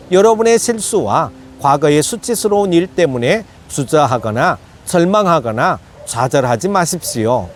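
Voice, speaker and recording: A male pastor giving an earnest daily devotional sermon and closing prayer, gently urging his listeners on. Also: fairly high pitch.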